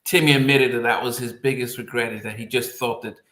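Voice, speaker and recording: Man, podcast host, casual chat, bright voice, roomy echo. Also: medium pitch, fairly even intonation, a little fast.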